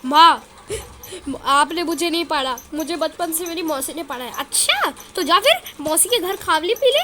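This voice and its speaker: A woman's voice: extremely high pitch, lively intonation, moderate pace, noisy background, pitched above the performer's own voice. A woman voicing an earnest young boy who adores his aunt. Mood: arguing.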